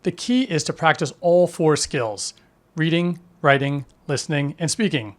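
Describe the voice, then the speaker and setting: Man narrating a scripted lesson, slightly high. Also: a little slow. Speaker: language teacher.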